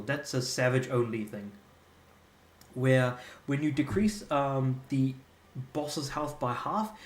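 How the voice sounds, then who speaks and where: A young man from Australia, chatting casually and rambling while streaming a game. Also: mid-range voice. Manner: rambling, laid-back, self-amused. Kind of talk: casual live-stream chat. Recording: echoey room.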